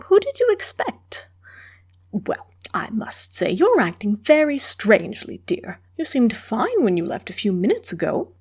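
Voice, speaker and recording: A woman acting as a kindly old aunt, husky and breathy, with a lilting, lively delivery. She fusses gently and fondly, a little puzzled, in a comic dub. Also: a little high, a little slow, exaggerated voice. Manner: gentle, mildly puzzled fussing. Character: kindly, doting elderly aunt.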